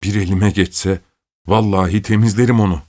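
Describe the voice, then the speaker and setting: A man's voice: on the low side, fairly even intonation, moderate pace, darkish tone, lightly acted. A man voicing a vengeful peasant villager. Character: angry desperate male peasant villager.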